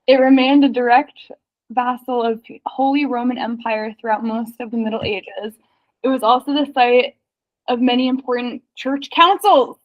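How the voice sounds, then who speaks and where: An excitable woman reads history passages aloud in quick bursts during a casual research chat. Her voice sits a little high. The sound is dull and lo-fi, as if through a basic mic. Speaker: research partner reading sources aloud.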